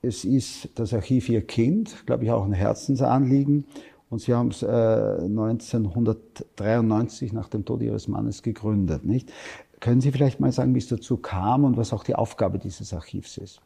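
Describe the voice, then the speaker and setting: A man's voice: medium pitch, steady tone, moderate pace, vocal fry, dark tone, slightly rough. A man hosting a talk show, introducing his guest and asking questions with frequent filler sounds. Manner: hesitant, many filler sounds. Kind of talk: interview host introduction.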